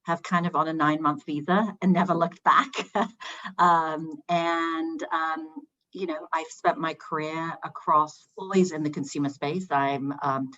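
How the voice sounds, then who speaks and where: A woman from Iran who grew up in the UK, telling her career story on a panel in a halting way with many ums. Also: low-pitched, steady tone, pushed and bright, highs cut off. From Iran, raised in the UK. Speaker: panelist, managing partner.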